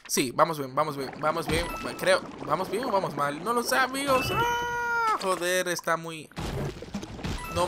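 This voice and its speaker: A man giving excitable, rambling let's-play commentary as a gaming channel host, yelling at the game as he plays. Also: high-pitched, noisy background. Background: game music.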